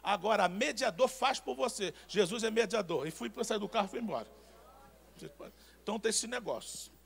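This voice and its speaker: A Brazilian man preaching a sermon as pastor, telling personal anecdotes in an animated, emphatic way with repeated words. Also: sits high, moderate pace, gravelly. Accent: Brazilian Portuguese.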